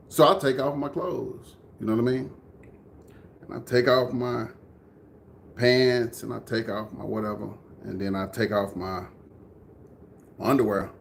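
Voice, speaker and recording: A Texan man in his thirties recounts his own story in a conversational, earnest way, speaking straight to his livestream viewers. He circles back and repeats phrases to stress them, at an everyday middle pitch. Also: creaky, a little hiss or hum. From Dallas, Texas. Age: 30s. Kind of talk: personal storytelling to a live chat. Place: indoors, room with air conditioning.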